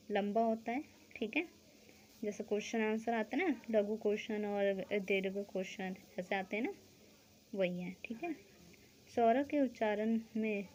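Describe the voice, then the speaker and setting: A woman's voice: mid-range voice, a little mellow, a little hiss or hum. A woman teaching a school grammar lesson, explaining step by step, asking questions and answering them herself, checking in often with the class.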